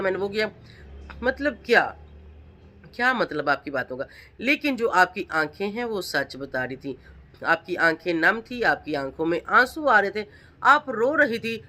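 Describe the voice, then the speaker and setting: Emphatic woman vlogger, bright voice. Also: medium pitch, lively intonation, moderate pace. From Pakistan. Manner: emphatic, accusing, rhetorical questions. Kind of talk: reaction vlog commentary.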